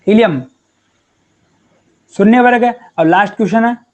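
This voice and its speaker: A man's voice: high-pitched, normal speed. A man teaching chemistry in a casual online class, chatty and encouraging with his students. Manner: chatty and encouraging, calls students beta and yaar.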